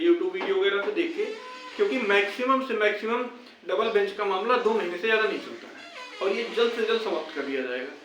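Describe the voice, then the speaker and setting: In a very echoey room with the microphone far off, a young man hosts a video and gives fellow job candidates an informal update and appeal. His high, slightly bright voice explains and urges, repeating himself often, with slight background noise.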